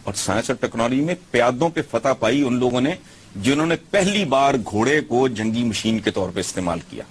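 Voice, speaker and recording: A man's voice: mid-range voice, animated, fairly quick, slightly rough. A man giving scornful opinion commentary, lecturing with rhetorical questions.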